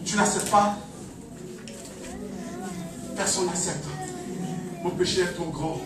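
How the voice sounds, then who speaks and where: A man preaching a sermon with passion, swinging between shouting and low murmurs, repeating phrases with a chuckle now and then. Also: fairly even intonation, slow, heavy background noise. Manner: impassioned, swings from loud shouting to low murmurs, laughing asides. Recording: very echoey hall, voice from far off, music behind.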